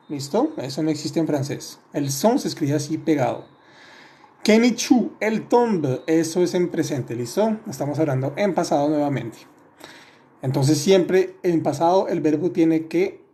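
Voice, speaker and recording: A man with a fairly high, mellow voice teaches French in a live online class. He talks patiently, keeps checking that everyone is following, and corrects his students one by one by name. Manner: patient, repeats and checks with "¿listo?"; addresses students by name, corrects their answers.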